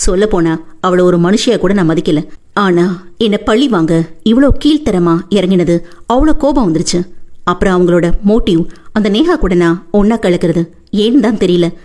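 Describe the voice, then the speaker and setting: A woman's voice: lowish voice, normal speed, a little mellow, lightly acted. A woman voicing a hot-tempered but doting young husband in an audiobook, coaxing and boastful. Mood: recounting.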